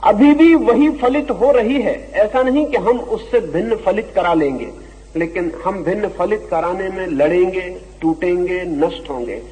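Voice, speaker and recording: A man giving a slow, deliberate spiritual discourse, his voice swelling and dropping for emphasis. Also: high voice, dark tone, in a large hall, rough recording. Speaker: spiritual teacher. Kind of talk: philosophical discourse.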